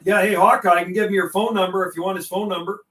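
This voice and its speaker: Quick, flat, and sharp-toned, a man's high voice carries through a roomy space from a distant microphone. He is hosting a CB radio livestream, chatting casually in slang while repeating and relaying messages between operators.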